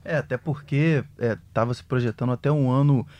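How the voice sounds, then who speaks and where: A man reporting on a football club in a measured, hesitant way, with many restarts. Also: mid-range voice, a little mellow. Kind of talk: casual sports discussion.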